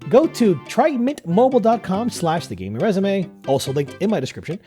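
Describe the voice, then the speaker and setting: A man voicing a mysterious disembodied male voice that speaks out of nowhere and delivers a pushy, teasing sales pitch. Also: very animated, fairly quick, mellow, soft background music. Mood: salesy. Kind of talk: scripted ad read.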